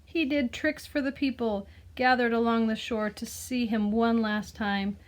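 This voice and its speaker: A woman reads a children's picture book aloud with expression, in the manner of a teacher, explaining words and gently questioning the listener. Her voice is fairly high, with a steady tone and a slightly slow pace.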